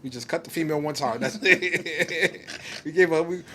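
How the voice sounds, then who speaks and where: A man's voice: fairly high pitch, moderate pace, sharp tone, a little hiss or hum. A man co-hosting a podcast, goofing around and laughing at his own jokes in casual banter. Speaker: podcast co-host.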